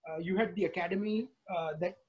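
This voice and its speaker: A male podcast host with an Indian accent chats casually in a high, husky voice. He speaks haltingly and often doubles back on his words. The audio is dull and lo-fi. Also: fairly even intonation, a little mellow.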